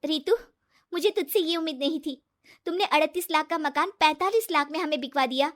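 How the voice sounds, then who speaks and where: A woman's voice: sits high, fairly quick, fairly bright tone, pitched above the performer's own voice. A woman voicing a naive, trusting young female office worker who talks eagerly and earnestly. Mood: hurt.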